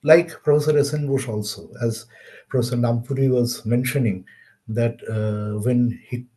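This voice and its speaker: A man with an Indian accent giving a webinar lecture on science history, measured and halting with pauses. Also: medium pitch, steady tone, warm tone. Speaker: webinar speaker.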